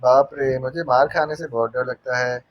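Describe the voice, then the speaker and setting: A man's voice: a little high, fairly even intonation, moderate pace, dry recording, close to an everyday voice. A man voicing a male spy who mocks his captive with silly, teasing wordplay, in an audio novel. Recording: dull dry narration recording.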